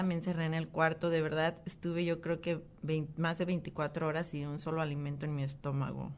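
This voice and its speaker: A woman in her thirties, an interview guest, giving an emotional, halting personal testimony. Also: low-pitched.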